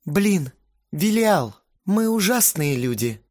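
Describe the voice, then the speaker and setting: A man voicing a tipsy young woman who teases and giggles in a drawn-out way. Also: high voice, very animated, darkish tone, pitched above the performer's own voice, full character voice. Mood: teasing.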